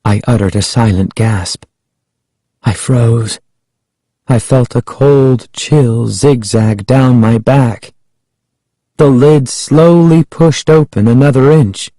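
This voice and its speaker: Slow, suspenseful male audiobook narrator. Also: mid-range voice, dark tone, dry recording. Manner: slow, suspenseful, dramatic first-person reading. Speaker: audiobook reader. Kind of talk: scripted narration of a children's horror book.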